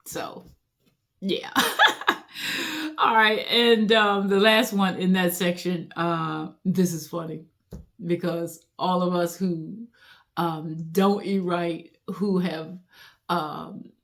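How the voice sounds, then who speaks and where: A woman's voice: on the low side, extremely slow, pauses often. A middle-aged woman, chatting casually as she reads funny memes aloud and laughs often. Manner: laughs often, animated, folksy Southern-style talk. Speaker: host reading funny memes. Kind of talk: casual chat.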